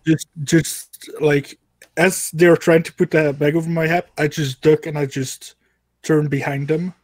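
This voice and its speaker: Man, tabletop player, slightly high voice, casual chat, dry sound. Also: level tone, measured pace, no echo.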